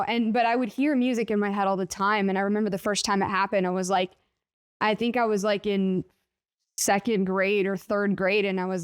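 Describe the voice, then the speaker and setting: A woman's voice: mid-range voice, smooth. A young woman from Mexico, a singer talking about her start in music in a bubbly, chatty way. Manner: bubbly, chatty, giggly, filler-heavy. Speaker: singer, interview guest. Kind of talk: casual interview.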